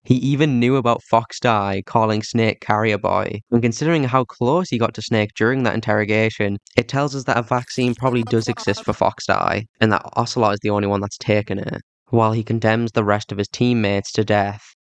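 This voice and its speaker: A man from the north of England speaks in a thick Yorkshire accent, with a lowish, clean and smooth voice. He hosts video game commentary on a budget microphone, and the sound is dry and close. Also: steady tone, brisk, no room sound. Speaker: host of a video game retrospective. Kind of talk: scripted commentary, turning to casual thanks to viewers. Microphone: cheap budget microphone.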